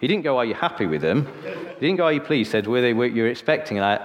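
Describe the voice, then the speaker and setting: In a big-sounding room, a forties-aged preacher from Sheffield in northern England tells his personal testimony rapid-fire. His medium-pitched, animated voice carries a northern English accent and a chatty storytelling flow, with regular "okay?" check-ins.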